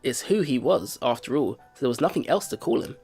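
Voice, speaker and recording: Hosting a let's play, a man narrates a visual novel's text with expressive storytelling flair. His husky mid-range voice moves fairly quickly, and faint music can be heard behind him.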